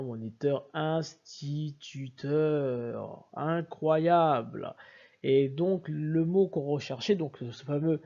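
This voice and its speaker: Guy explaining slides, keeps saying look look, kinda husky, muffled lo-fi sound. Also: medium pitch, darkish tone. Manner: emphatic, repeats "regardez" and "bien sûr". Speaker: video lecturer on word origins. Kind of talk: explaining over on-screen slides.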